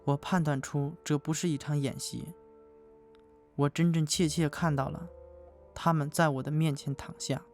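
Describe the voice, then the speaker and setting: A man plays a soldier giving a sober dramatic voice-over. His voice is a little high, with very flat, restrained intonation. Music runs beneath the narration. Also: close to an everyday voice. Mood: sombre, reflective. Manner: restrained, sober, measured phrasing. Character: sombre male soldier recounting a battle in voice-over.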